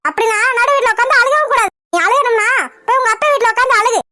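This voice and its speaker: Shrill old cartoon grandmother, nagging, very high, fast, bright, dry. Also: no echo. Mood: scolding. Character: scolding old grandmother, sharp-tongued mother-in-law. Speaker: cartoon voice actor. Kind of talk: cartoon comedy voice acting.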